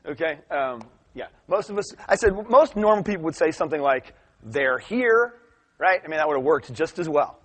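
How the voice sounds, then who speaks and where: A man leading a live grammar workshop, telling stories with lively acted-out voices. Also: fairly high pitch, quick pace, hardly any pauses. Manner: animated storytelling, acts out quoted voices.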